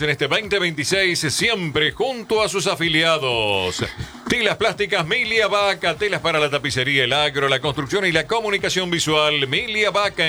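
A man's voice: fairly high pitch, bright, forceful tone. An Argentine man reading radio ads in a punchy announcer delivery. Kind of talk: radio ad reads.

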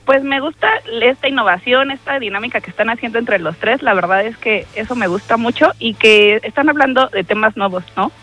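A woman's voice: on the high side, a little fast, hardly any pauses, a bit bright, poor audio. A woman chatting casually as a caller to a radio show. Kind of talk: casual phone-in chat. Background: background music.

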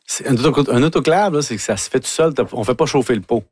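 A man with a Quebec French accent hosting an interview in a studio, asking questions in an animated, chatty way. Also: medium pitch, fast talker, husky, no echo. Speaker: radio host. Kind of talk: interviewing a guest.

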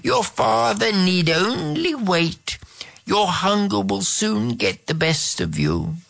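A reader voicing a clever, calm female cat in a storybook tale, speaking in a sly and composed manner. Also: medium pitch, slow, creaky, pitched above the performer's own voice, full character voice. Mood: coaxing. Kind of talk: storybook reading.

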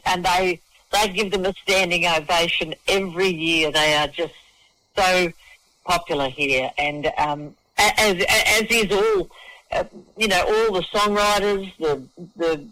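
A middle-aged or older Australian man, a festival organiser and singer-songwriter, chats casually and effusively as a guest in a radio interview, matey and often repeating words as he starts phrases. His voice is high-pitched with a sharp tone. The low-quality recording has no echo.

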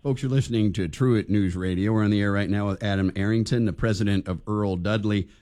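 A man with a smooth radio-host delivery, speaking in a low voice. He sounds dry and close in a radio studio, and he explains things in a folksy way for the folks listening at home. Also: fairly even intonation, fast, mellow, dry recording. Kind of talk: radio talk show interview.

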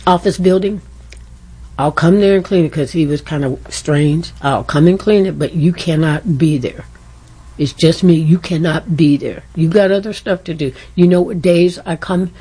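Older woman with a dark, husky voice. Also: on the low side. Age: 70s. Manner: rambling, storytelling with laughs and self-corrections. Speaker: radio guest.

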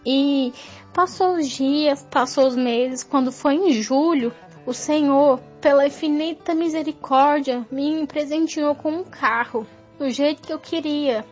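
A woman's voice: high voice, unhurried, darkish tone. A woman giving a fervent, prayerful church testimony in a dull lo-fi recording with faint music.

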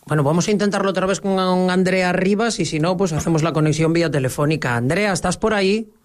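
A man's voice: high-pitched, quick pace. A man hosting a radio sports interview with playful, jokey banter.

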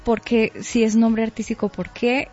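A woman's voice: on the high side, flat delivery, moderate pace, darkish tone, faint music behind. A woman hosting a radio show, cheerful and chatty with her guests. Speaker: radio host. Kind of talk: lively radio chat. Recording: dull lo-fi recording.

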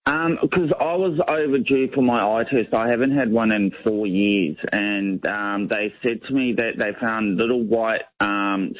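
A man's voice: on the low side, dry recording, highs cut off. An Australian man calling a radio show, speaking hesitantly. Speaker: phone-in caller.

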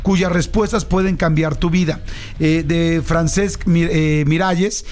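A man's voice: fairly high pitch, steady tone, a little slow, a little mellow. A man with a Mexican Spanish accent who hosts an interview with enthusiasm, filling his speech with casual fillers. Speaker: show host.

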